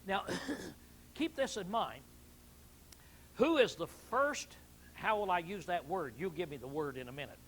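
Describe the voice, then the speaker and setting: A male preacher teaching a sermon in a conversational way, often clearing his throat and restarting phrases. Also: high voice, expressive, measured pace, long pauses, a bit bright, a little hiss or hum, low-quality recording.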